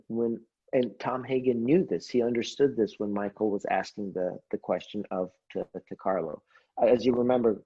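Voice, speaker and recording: A man's voice: medium pitch, warm tone, breathy edge, lo-fi sound. A man guest on a casual podcast, telling a story eagerly, often restarting his sentences. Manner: enthusiastic storyteller, many restarts. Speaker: cardiologist guest.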